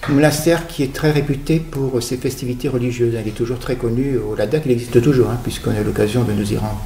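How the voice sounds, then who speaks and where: A middle-aged man from Guadeloupe, an author interviewed on radio, speaking in a measured, explanatory way with occasional hesitations. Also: medium pitch, fairly even intonation, mellow, reverberant, a little hiss or hum. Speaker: author guest.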